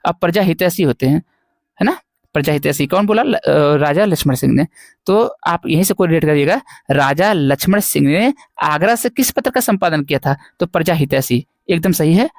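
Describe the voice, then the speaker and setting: A man's voice: high-pitched, dry recording, studio quality. A male Hindi teacher giving an exam-prep lecture, explaining memory tricks with lots of repetition and quiz questions.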